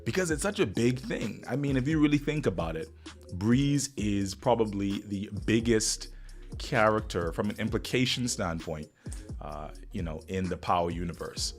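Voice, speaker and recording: A man with a Bahamian accent and a fairly low, expressive voice hosts a casual live stream, rambling upbeat and straight to viewers at normal speed while still getting over the flu. Music plays faintly behind him.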